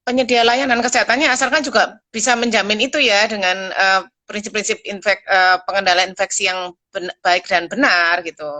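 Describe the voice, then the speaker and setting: Woman, bright forward voice, medium pitch, hesitant reassuring explanations, informal expert interview. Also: fairly even intonation, a little fast. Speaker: guest expert, pediatric dentist. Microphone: live video call.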